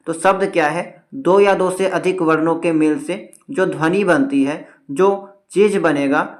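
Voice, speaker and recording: Man teaching Hindi grammar, slightly high voice. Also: fairly bright tone. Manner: explanatory, checks in with repeated "theek hai"; mixes English words into Hindi. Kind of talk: exam-prep lecture.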